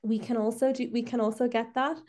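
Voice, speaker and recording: A woman's voice: fairly high pitch, fairly even intonation, fairly quick, a little mellow. Woman host, reflective and rambling, on a video call. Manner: reflective, rambling with many restarts. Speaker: podcast host, trainee therapist. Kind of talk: casual podcast chat.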